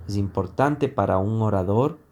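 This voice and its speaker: A man teaching a lesson on public speaking, explaining voice exercises deliberately with frequent pauses and fillers. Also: lowish voice, darkish tone, muffled recording, a little hiss or hum. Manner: slow, deliberate instruction with hesitant fillers; demonstrates vocal exercises with sustained vowels. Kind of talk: voice training lesson.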